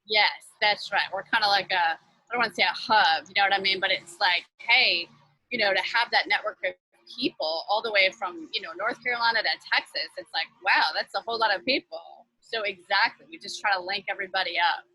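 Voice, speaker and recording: A woman's voice: mid-range voice, a little fast, pushed and bright, no room sound, poor audio. A woman talking as a guest on a video call from her front porch office, chatty and upbeat with lots of fillers. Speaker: guest, nonprofit leader. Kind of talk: casual interview chat.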